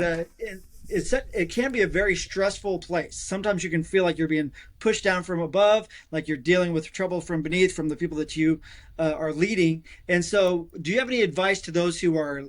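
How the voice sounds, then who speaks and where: Male podcast host, higher register, relaxed and supportive interviewer. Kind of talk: casual podcast conversation.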